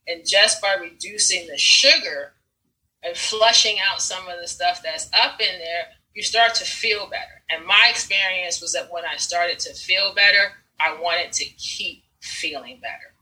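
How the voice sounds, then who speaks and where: A woman telling personal stories in casual conversation, animated, acting out scenes and swearing freely. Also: fairly low pitch, unhurried, rough recording. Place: Brooklyn.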